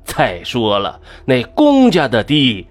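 Harsh scolding old village father in a storybook tale, slow and husky, read by a male storyteller. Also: medium pitch, huge pitch swings, faint music behind, heavily acted. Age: older.

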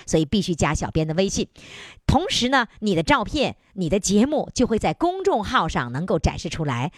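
A woman's voice: a little high, fairly bright tone, dry recording, studio quality. A woman with a Northeastern Chinese accent hosting a radio call-in show in a chatty, exclamatory, bantering way. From Northeast China.

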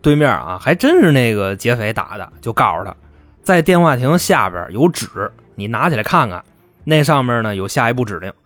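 A man's voice: mid-range voice, sing-song, normal speed, a bit bright, no echo. A man hosting a podcast, telling a true-crime story in casual, salty everyday speech and acting out the people in it. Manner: colloquial, salty, acts out the quoted people. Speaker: podcast host.

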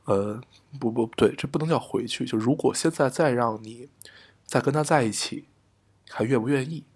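A man's voice: mid-range voice, normal speed, a little mellow, breathy edge. A man with a Beijing accent co-hosting a radio show, chatting casually and reading out listener messages, colloquial and correcting himself as he goes.

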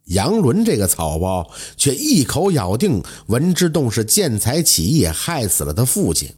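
Husky, animated male storyteller. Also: medium pitch, unhurried. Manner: dramatic, lively storyteller, exclamatory asides. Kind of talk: traditional oral storytelling.

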